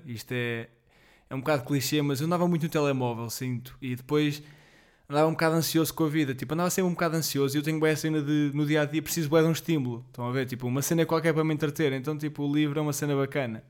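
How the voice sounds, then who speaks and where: A man's voice: a little high, fast talker, smooth. A man in his twenties with a European Portuguese accent, rambling through a casual solo podcast with lots of slang and fillers. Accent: European Portuguese, Lisbon slang. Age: 20s. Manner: rambling, slangy, self-deprecating, many fillers; apologetic about being jittery and off rhythm. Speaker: podcast host.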